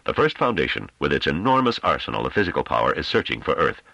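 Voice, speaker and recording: A man reading an audiobook, voicing a male councillor who argues in a grave, measured and sardonic way. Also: extremely low pitch, sing-song, gravelly, bright, forceful tone, no echo, lo-fi sound, heavily acted. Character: calm sardonic male councillor defending himself.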